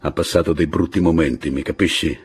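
A man voicing a fierce, bossy middle-aged peasant woman in an audiobook, with a husky voice and a blunt, commanding manner. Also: extremely low pitch, fairly quick, full character voice. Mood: confiding.

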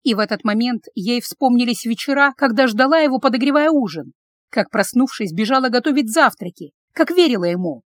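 A woman's voice: a little high, lively intonation, fairly quick, no room sound. A woman narrating a dramatic audiobook story with emotion.

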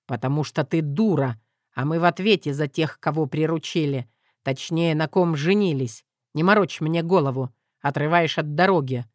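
A woman's voice: low voice, moderate pace, no room sound, studio quality, natural voice. A woman voicing a terse, commanding young husband in an audiobook. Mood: gruff. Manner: curt, commanding.

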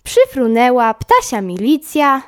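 A woman reciting a children's poem in a lively sing-song way. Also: on the high side, unhurried. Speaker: narrator.

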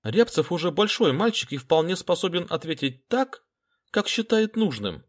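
A man's voice: high-pitched, big pitch swings, normal speed, voice pushed up. A man voicing a composed, contemptuous woman schoolteacher. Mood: cool. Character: cool, haughty woman schoolteacher.

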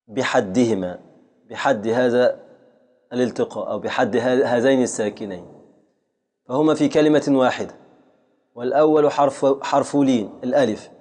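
Mellow-voiced Egyptian sheikh teaching. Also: male voice, medium pitch. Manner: patient, repeats examples slowly and drawn out. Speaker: sheikh teaching a grammar text. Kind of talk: classroom lecture.

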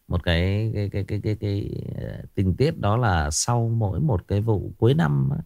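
Expressive male storyteller. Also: deep voice, creaky, dry recording, clean studio sound. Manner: lively, expressive narration; rambling with fillers when chatting. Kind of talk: story narration, then casual chat to listeners.

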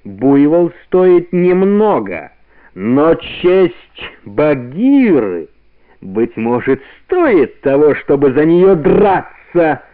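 A man voicing a sleek female panther in a radio play, speaking softly and purringly on a narrow-band old radio recording. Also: fairly high pitch, very animated, very slow, pitched above the performer's own voice, exaggerated voice. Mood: purring, proud. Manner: soft, purring, quietly proud.

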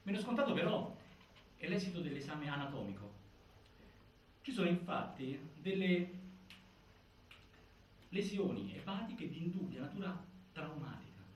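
With a fairly high male voice and big swings in pitch, an actor plays a solemn narrator laying out the results of a prison death inquiry, pressing each point and pausing haltingly as in theatrical documentary. The feeling is grave and insistent. It's a distant, reverberant, noisy capture from an indoor stage.

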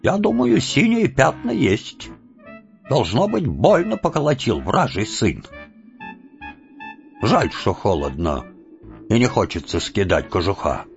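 A man's voice: low voice, animated, measured pace. A man voicing an aging, stubborn Cossack villager who mutters to himself and bursts out indignantly, in a dull lo-fi audiobook with faint music.

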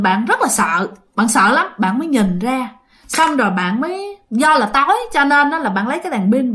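A woman's voice: sits high, a bit bright. A woman telling a ghost story in a chatty, casual way, often addressing her listeners.

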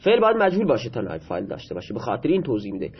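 A man's voice: mid-range voice, wildly swooping pitch, breathy edge, dull audio. A man teaching Arabic grammar in Persian, reading lines of text aloud and then explaining them patiently, repeating his examples.

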